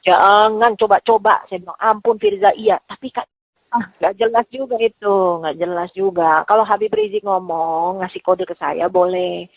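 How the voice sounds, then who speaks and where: A woman's voice: fairly low pitch, moderate pace, dry recording. A woman on a phone call, heatedly retelling an argument and quoting what she said. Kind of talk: agitated phone conversation. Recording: tinny phone line, dry.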